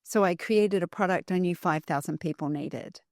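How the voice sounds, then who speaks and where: A woman's voice: lowish voice, normal speed, darkish tone, no room sound, studio quality. A woman guest on a podcast, telling stories emphatically and repeating key phrases for effect. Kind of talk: storytelling in an interview.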